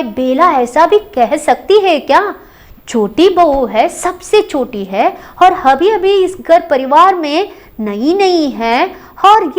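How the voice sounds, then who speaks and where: A woman teacher talks her students slowly through a play. Her voice sits high, and her pitch rises further when she reads a character's lines. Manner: reads dialogue aloud with raised pitch.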